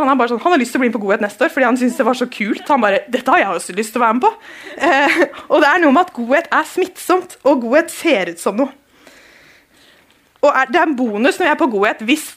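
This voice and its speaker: A woman from Norway giving an informal church talk, chatty, acting out little dialogues as she goes. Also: high-pitched. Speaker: church speaker. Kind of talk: informal sermon.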